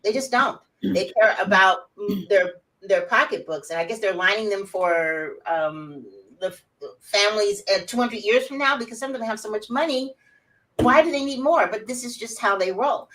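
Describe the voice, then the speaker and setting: A woman in her sixties, outspoken and animated, chatting as an interview guest. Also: medium pitch, moderate pace, distant mic, low-quality recording. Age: 60s. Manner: animated, outspoken, laughs often. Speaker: guest, wellness summit organizer. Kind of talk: casual interview chat.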